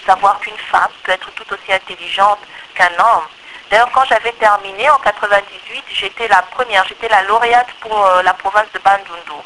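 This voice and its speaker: In a conversational interview, a woman in her thirties from the Democratic Republic of the Congo, an electrical engineer with a Congolese accent, explains her views and repeats key points. Her medium-pitched voice is pushed and bright, with fairly even intonation and a moderate pace. The recording is rough, carrying a little hiss or hum.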